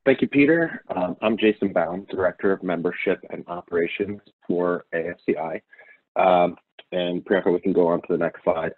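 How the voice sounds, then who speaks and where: A man's voice: low-pitched, moderate pace. A man presenting membership benefits in a virtual town hall, talking steadily with many ums as he walks through slides, on a tinny call line. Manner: steady, filler-heavy delivery walking through slides. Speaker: membership director. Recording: tinny phone-line audio.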